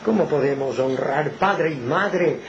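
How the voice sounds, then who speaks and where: An older man preaching a fervent sermon in a high, slow-paced voice. He fires off rhetorical questions and swings between loud exhortation and hushed emphasis. The recording is muffled and carries a faint background hiss. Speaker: lay preacher. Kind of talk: impassioned home sermon.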